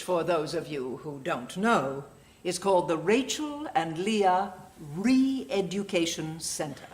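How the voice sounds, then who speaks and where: In an audio drama, an actress with a fairly low female voice plays the stern, sanctimonious matron of an indoctrination centre. She sounds condescending, preachy and commanding.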